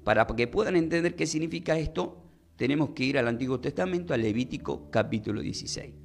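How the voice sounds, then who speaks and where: A man teaching a Bible lesson in a sermon style. He speaks slowly and deliberately, spells out words and often asks the listeners questions. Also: medium pitch, animated, creaky, faint music behind.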